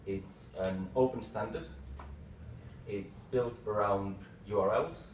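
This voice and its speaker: A man in his thirties giving an informal tech lightning talk in short, halting phrases. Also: on the low side, steady tone. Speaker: tech presenter, developer. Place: small meeting room, indoors. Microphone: far camera microphone. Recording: roomy, distant mic with clear background noise.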